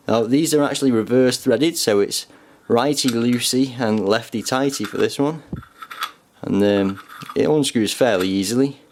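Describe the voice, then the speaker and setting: A man's voice: medium pitch, darkish tone. A young man from the UK casually reviewing a collector's item, talking hesitantly with lots of ums and restarts. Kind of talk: casual show-and-tell review.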